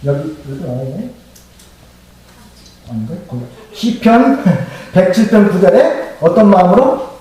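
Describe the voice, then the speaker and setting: A man's voice: high-pitched, big pitch swings, unhurried, dark tone. A male pastor preaching a sermon who keeps asking the congregation questions and having them repeat the answers. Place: church sanctuary. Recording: very echoey hall, mic far off.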